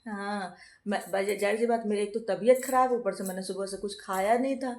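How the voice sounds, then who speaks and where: A woman chats casually at home in a vlog while she is unwell with a fever. She tells her story at length and keeps breaking into laughter. Her voice sits at an ordinary middle pitch in a roomy, echoey room. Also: fairly even intonation, brisk, a little mellow. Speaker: vlogger, mother.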